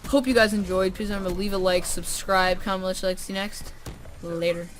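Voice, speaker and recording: A woman's voice: mid-range voice, fairly even intonation, fairly quick, heavy background noise. A young woman vlogger telling a story casually to camera, full of "um" and "like" fillers, with dry sarcastic asides.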